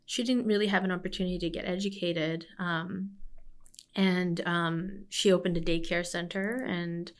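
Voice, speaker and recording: Woman from hawaii, lowish smooth voice, thoughtful interview chat. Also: fairly even intonation, moderate pace. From Hawaii, United States. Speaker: oncologist guest. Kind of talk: conversational interview.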